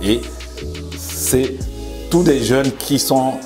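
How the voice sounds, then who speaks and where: A man in his fifties, a museum director, speaking haltingly in a conversational interview. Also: mid-range voice, over music. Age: 50s. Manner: hesitant, halting with many pauses and repeated words. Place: museum in Montreal.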